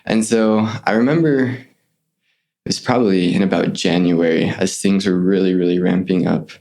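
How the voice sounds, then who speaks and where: A young man with a low voice, speaking at normal speed, appears as a guest on an interview podcast. He earnestly and animatedly recounts his missionary service, quoting the voices of people involved.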